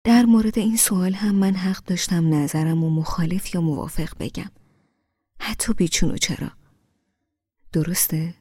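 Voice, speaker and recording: A woman reading an audiobook, voicing a young husband who reasons with his wife in a soft, hushed voice. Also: fairly low pitch, steady tone, pauses often, breathy edge, no echo, clean studio sound. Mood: reproachful. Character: patient young husband, calm and reproachful.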